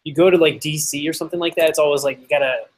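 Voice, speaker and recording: A man talking at a casual team meeting, chatty and speaking in quick bursts. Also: fairly high pitch, steady tone. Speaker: meeting participant.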